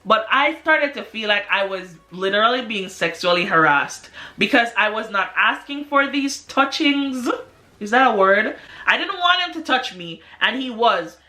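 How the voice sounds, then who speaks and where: A young adult woman vlogger telling a story in an animated, casual way, peppered with "like". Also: fairly high pitch. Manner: animated, exclamatory storytelling with many "like"s. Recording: echoey room.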